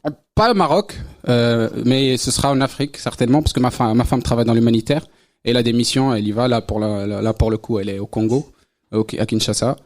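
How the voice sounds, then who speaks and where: Guest man, fast hesitant speech full of restarts, casual chat. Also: mid-range voice.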